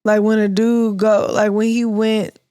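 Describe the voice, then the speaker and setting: A woman's voice: mid-range voice, little pitch movement, measured pace, warm tone, dry recording. Woman co-host, casual storyteller, laughs mid-sentence, dry mic. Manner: storytelling, laughs while talking. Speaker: podcast co-host. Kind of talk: casual chat.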